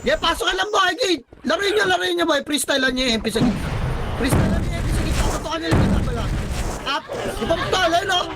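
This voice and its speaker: A man leading his squad in live team voice chat during a shooter match, barking rapid commands, counting down and swearing. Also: very high voice, animated, a loud crowd, very noisy. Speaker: squad leader calling shots.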